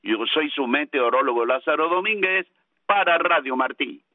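A man delivers a weather forecast over a narrow, phone-like line. His voice sits a little high, and he talks chattily and directly to the listeners. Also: animated, normal speed, music in the background. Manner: chatty, addresses listeners directly, repeats key terms. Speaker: radio meteorologist. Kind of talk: live radio weather forecast. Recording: narrow-band telephone-like radio line.

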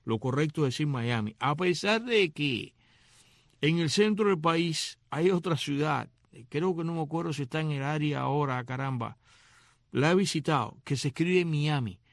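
A man's voice: fairly high pitch, vocal fry, no room sound, studio quality. Cuban man, chatty digressive host. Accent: Cuban Spanish. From Cuba. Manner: digressive, chatty, spells words out slowly. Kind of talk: casual explanatory monologue.

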